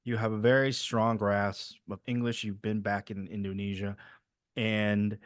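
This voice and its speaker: Male host from Wisconsin, Midwestern American accent, fairly low voice, relaxed interviewer, close and dry recording. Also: unhurried, clean tone, no echo. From Wisconsin, United States. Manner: easygoing, loose questions with fillers. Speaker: podcast host. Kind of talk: casual interview chat.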